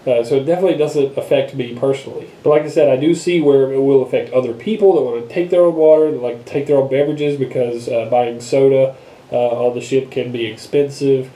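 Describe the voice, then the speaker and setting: A man's voice: medium pitch, quick pace, dark tone, roomy sound, poor audio. A man with a congested, nasal voice, as if his nose were broken, sick and unable to breathe through it, rambling casually in an offhand vlog. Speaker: vlogger. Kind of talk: casual unscripted vlog talk. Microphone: action camera microphone.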